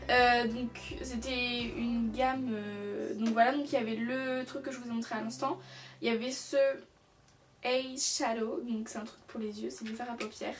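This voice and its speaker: A young woman chatting casually through a shopping haul, rambling with many fillers and restarts. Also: fairly high pitch. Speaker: beauty vlogger. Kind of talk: casual haul video chat. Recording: distant from the mic, music behind. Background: music.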